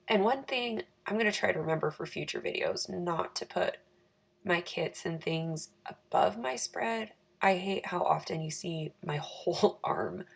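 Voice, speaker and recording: A woman with a low, raspy, croaky voice does a casual craft voice-over for her planner channel. She is chatty and pokes fun at herself as she goes.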